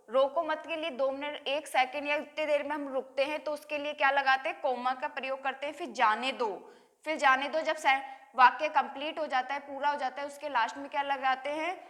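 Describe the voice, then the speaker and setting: A woman's voice: high voice, fairly bright tone. A woman school teacher, giving a grammar lesson and answering her own questions. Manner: asks questions and answers them herself.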